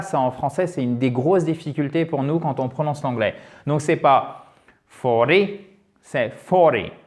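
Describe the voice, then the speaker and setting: A French man teaching English pronunciation in a lively, emphatic video lesson, repeating sounds to demonstrate them. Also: on the high side.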